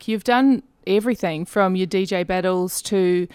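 A woman hosts a casual interview in a studio. Her voice is clean and smooth, and she asks questions conversationally. The recording is dry and close. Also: mid-range voice, normal speed, a little mellow, no echo. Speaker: radio show host, interviewer.

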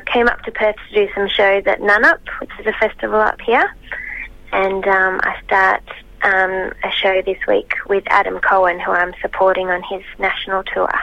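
A woman's voice: mid-range voice, little pitch movement, unhurried, fairly bright tone, dry recording. A woman touring as a singer, talking over the phone in a casual interview, hesitant with many ums and restarts. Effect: heard over the phone. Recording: muffled dry phone line.

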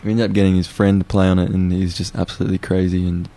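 Low-voiced relaxed musician. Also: male voice, fast. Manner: relaxed, laughs often, says "man". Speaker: musician guest. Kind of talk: casual radio chat. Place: radio studio.

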